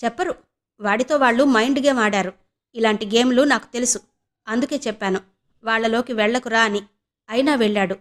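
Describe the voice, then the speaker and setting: A woman's voice: on the high side, fairly quick, pauses often, natural voice. A woman voicing an angry middle-aged wife who scolds bluntly in an audio novel. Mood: indignant. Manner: indignant, scolding.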